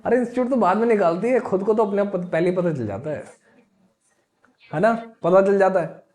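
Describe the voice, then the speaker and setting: A high-pitched man gives a motivational classroom talk to exam students. He talks in a lively way, keeps asking the class questions and acts out their excuses in quick little voices. His delivery swings between punchy and soft. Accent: Hindi-speaking North Indian. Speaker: nursing exam teacher.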